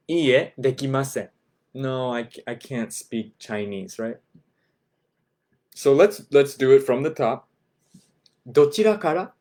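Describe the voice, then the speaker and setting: Slow, patient man teaching a language class. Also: darkish tone. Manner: slow, patient, repeats phrases and checks with "right?"; models phrases with a raised, lilting pitch.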